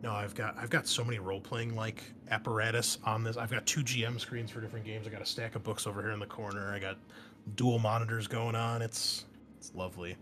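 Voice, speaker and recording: A man with a fairly low pitch and flat delivery acts as game master for a tabletop roleplaying game, recapping quickly in a casual, rambling, joking and teasing manner. He sits indoors at a desk, with noise in the background.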